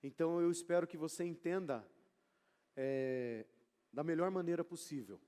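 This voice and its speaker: A pastor, reading scripture and explaining it with casual asides in a sermon. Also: male voice, fairly high pitch, moderate pace, warm tone. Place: church sanctuary. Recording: long church hall reverb.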